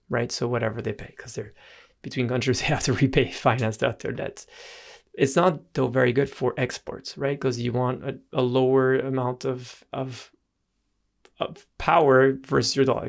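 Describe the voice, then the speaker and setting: Man, middle-aged, gravelly voice, host talking through charts, loose restarts, keeps asking "right?". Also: medium pitch. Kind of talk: explaining market analysis over charts.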